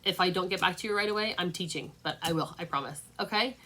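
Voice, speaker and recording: A woman leading her sales team in a casual livestream pep talk, chatty and upbeat, with lots of fillers and warm encouragement. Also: lowish voice, fast, noisy background. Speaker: direct-sales team leader. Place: at home.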